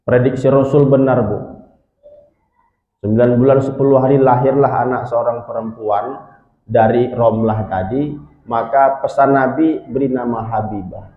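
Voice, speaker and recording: A male preacher telling a story in a sermon, lively and constantly addressing the congregation. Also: medium pitch, normal speed, narrow, tinny audio. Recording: echoey hall.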